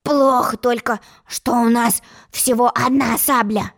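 A woman reading a storybook, voicing a stubborn, boastful little boy who grumbles slowly. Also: a little high, fairly even intonation.

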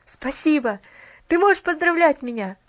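A woman reading aloud, voicing an earnest, emotional young man on crutches who sometimes drops to a hush. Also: high-pitched, lively intonation, moderate pace, no room sound, muffled recording, voice pushed up.

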